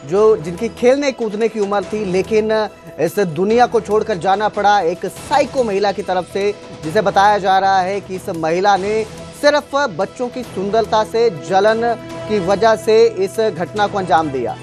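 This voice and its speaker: Woman news presenter, breaking news delivery, dramatic and emphatic, mid-pitched voice, music bed behind. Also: a little slow, darkish tone. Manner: sensational, emphatic, repetitive.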